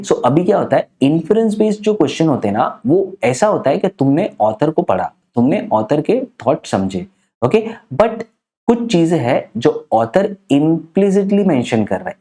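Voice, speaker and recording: A man's voice: high-pitched, sing-song, moderate pace, warm tone. A male exam-prep teacher, lecturing and often stopping to ask whether the class has understood. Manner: explanatory, checks understanding with frequent "है ना?" and "clear है?". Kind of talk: classroom lecture mixing Hindi and English.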